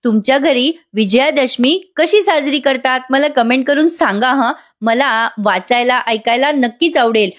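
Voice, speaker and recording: A woman's voice: high voice, a little slow, hardly any pauses. A woman hosting a chatty voice-over review of a TV serial, addressing her viewers directly.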